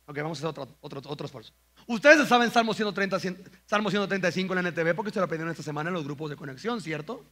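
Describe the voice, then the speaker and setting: A Mexican pastor with a high, bright voice preaches in a playful way. He jokes with the congregation. He drags out comic prayers in slow, exaggerated voices. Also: animated. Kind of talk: sermon. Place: church auditorium.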